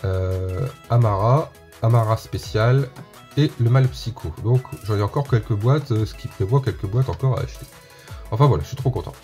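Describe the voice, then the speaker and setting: A man's voice: on the low side, normal speed, darkish tone, soft background music. A man hosting a casual unboxing vlog, chatting straight to his viewers and often repeating himself. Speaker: unboxing video host.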